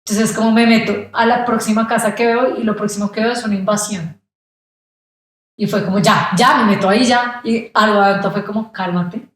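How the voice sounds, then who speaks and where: A woman's voice: mid-range voice, brisk, faint music behind. A young woman with a Colombian accent tells a story as a podcast guest. She jumps into the voices of the people she meets. The sound is very roomy and echoey. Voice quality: animated, acts out quoted voices. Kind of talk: casual storytelling. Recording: very echoey room.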